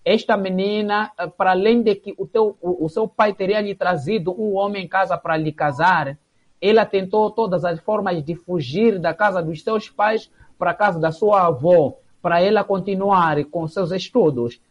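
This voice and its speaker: A man's voice: high voice, moderate pace. A man answering interview questions hesitantly, with many fillers. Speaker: theatre association member. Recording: dull lo-fi broadcast sound.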